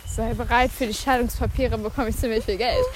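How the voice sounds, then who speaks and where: A young woman co-hosting a casual chat podcast, teasing, giggly and loud. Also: a little high, sing-song, brisk, noisy background. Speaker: podcast co-host.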